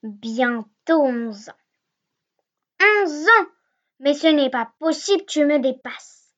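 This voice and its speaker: A woman's voice: high-pitched, lively intonation, slow pace, a bit bright, full character voice. A woman voicing a tall ten-year-old girl, blunt and dreamy, in a childlike way of talking. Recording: dull lo-fi recording.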